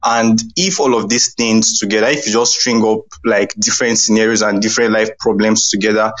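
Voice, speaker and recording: A man's voice: lowish voice, fairly even intonation, fairly quick, fairly bright tone, low-quality recording. A man arguing his point emphatically in a casual group discussion. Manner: emphatic, argumentative.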